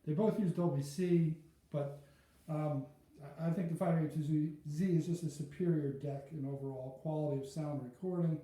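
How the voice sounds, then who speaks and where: A middle-aged or older man, an audiophile hobbyist vlogger, chats casually and without a script about products, rambling and hesitating as he thinks aloud. His voice is fairly high and warm, with a steady tone at normal speed. The recording sounds muffled in a very echoey room.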